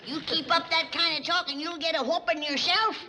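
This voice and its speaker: A woman's voice: very high voice, fairly even intonation, a little fast, noisy background. A woman playing a feisty, scolding old hillbilly granny in a sitcom, with a rural Southern accent. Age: older. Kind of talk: sitcom acting.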